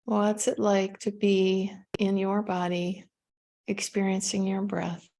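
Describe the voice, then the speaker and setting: A woman guides a meditation in a soft-edged, mellow voice pitched in an ordinary middle range for a woman. Her tone stays level as she gives gentle instructions without hurry, leaving pauses between phrases.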